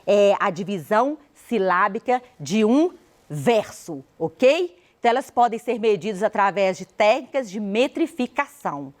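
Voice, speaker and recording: Brazilian woman teaching slowly. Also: mid-range voice. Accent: Brazilian Portuguese. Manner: explains step by step, counting syllables aloud and asking rhetorical questions. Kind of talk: televised school lesson. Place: studio.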